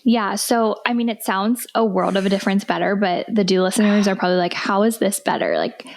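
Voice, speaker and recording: Speaking briskly in a mid-range voice, this young podcast co-host keeps the chat casual, laughing frequently and leaning on "like" as a filler.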